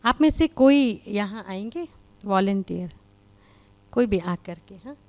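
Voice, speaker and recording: A woman's voice: medium pitch, expressive, slow pace, a little mellow. A woman spiritual speaker giving a conversational talk to a live audience, with many fillers. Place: meditation hall with live audience.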